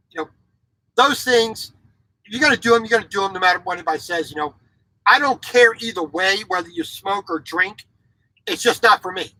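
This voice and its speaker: A blunt truck driver in his forties, raised in Japan as a military child, vlogs an opinionated, casual monologue from his cramped sleeper cab, frequently restarting and repeating himself. His voice sits high with a sharp tone. The audio is poor and has no echo.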